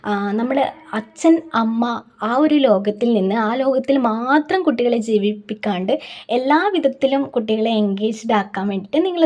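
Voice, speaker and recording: Young woman, mother vlogger, higher pitch, chatty earnest advice. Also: dark tone. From Kerala, India. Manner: earnest, repeats herself, fillers and restarts. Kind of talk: casual advice to the camera.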